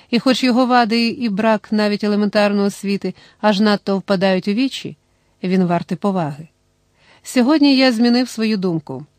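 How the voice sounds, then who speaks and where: A woman's voice: medium pitch, darkish tone, dry recording, studio quality, natural voice. A woman reading the lines of a male political candidate, speaking in an oratorical way to a crowd.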